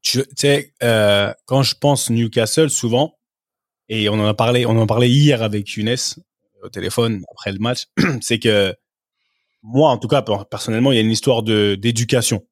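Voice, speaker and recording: A man's voice: on the low side, normal speed, dry recording, clean studio sound. A man who is a former professional footballer, a guest telling anecdotes in a casual podcast chat and often adding "tu vois".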